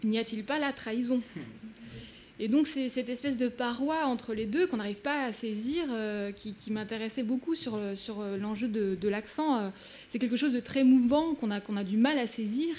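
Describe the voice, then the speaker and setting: Woman author with Russian as her first language, thoughtful and halting, slightly high voice. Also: darkish tone, slight background noise. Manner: searching for words, many hesitations. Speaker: author guest. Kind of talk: reflective talk. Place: event hall.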